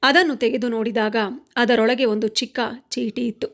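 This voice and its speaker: A woman's voice: fairly high pitch, steady tone, moderate pace, fairly bright tone. Woman narrating a dramatic family story. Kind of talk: scripted first-person story narration.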